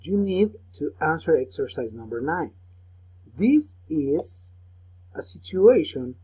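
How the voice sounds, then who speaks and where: A man teacher, his voice deeply husky and mellow in tone. He guides a recorded remote lesson patiently, step by step, saying phrases twice so pupils can repeat after him. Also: poor audio.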